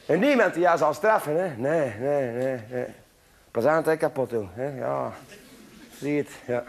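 A man's voice: fairly high pitch, moderate pace, creaky. A man with a Flemish accent voicing a cheeky, smug boy who works miracles, teasing and offhand. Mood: taunting.

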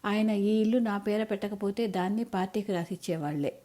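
A woman voicing an angry young college-age daughter with a sharp, accusing, scornful way of talking in an audiobook story. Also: medium pitch, steady tone, a little fast, natural voice.

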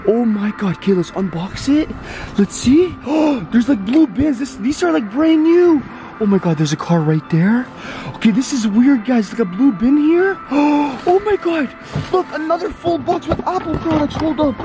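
With a very high-pitched male voice, lively intonation, and moderate pace, a young YouTuber gives dramatic, excited vlog narration over loud music. He gasps often and keeps saying "guys," going from outdoors at night to a room indoors.

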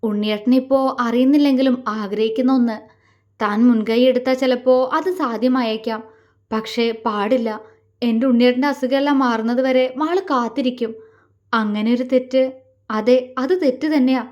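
Female storyteller reading a romance serial; gentle, emotive, somewhat high pitch. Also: fairly even intonation, normal speed. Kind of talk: reading an audio love story.

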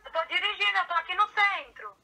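A woman comes through a phone on speakerphone, her voice very high and sharply bright. She talks bluntly and impatiently from her car, keeping the chat short. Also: fast, gravelly, slight background noise. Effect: heard over a phone on speakerphone. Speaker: friend being pranked on a call. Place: in her car in a city center.

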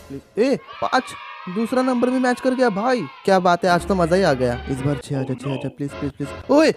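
A man voicing a boastful, excitable bald young boy in a cartoon dub, pleading and bragging. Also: on the high side, lightly acted. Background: background music.

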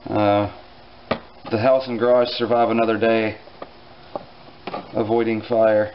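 A man casually explaining a small engine repair in his home garage, relaxed and dryly joking, with plenty of fillers as he works. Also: fairly low pitch, unhurried, lo-fi sound, slight background noise. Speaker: repair instructor. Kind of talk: casual hands-on repair tutorial.

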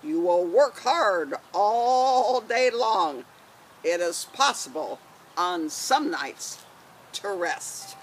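An older woman introducing her own children's story outdoors in her garden, chatty and gentle. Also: medium pitch, lively intonation, drawn-out words, a little hiss or hum.

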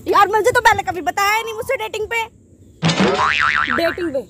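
A woman's voice: extremely high pitch, moderate pace. A young woman in a staged outdoor argument, stubbornly accusing and refusing to back down. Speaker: prank video performer. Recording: outdoor recording with street noise.

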